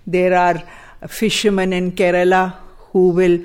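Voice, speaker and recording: An older woman from Pakistan, a guest speaking thoughtfully in conversation, with fillers and soft laughs. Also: lowish voice, level tone, a little slow, clear, resonant tone. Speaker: guest, daughter of a poet. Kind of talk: reflective conversation.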